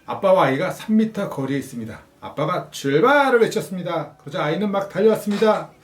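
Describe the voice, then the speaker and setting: Male narrator, instructional parenting talk, somewhat high pitch, echoey room, acts out sound effects. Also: animated, quick pace, a little hiss or hum.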